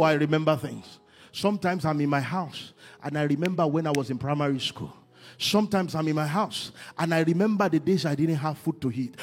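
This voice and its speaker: Man, pastor, sermon, lively pitch, huskiness, shouts and sing-song lines. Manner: swings from quiet to shouting, sing-song emphasis.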